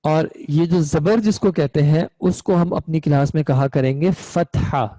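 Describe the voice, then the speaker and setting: A man's voice: fairly high pitch, mellow, dry recording. A man teaching an online Arabic grammar lesson, explaining patiently and often checking that students follow.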